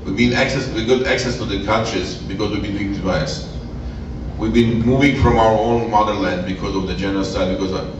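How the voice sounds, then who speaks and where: A man from Armenia speaks English as an in a slightly low voice, earnest and halting, restarting his phrases. He sounds far from the mic in a big, very echoey hall. The recording is dull and lo-fi, with steady noise underneath. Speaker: guest speaker. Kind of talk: speech at an event. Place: large event hall.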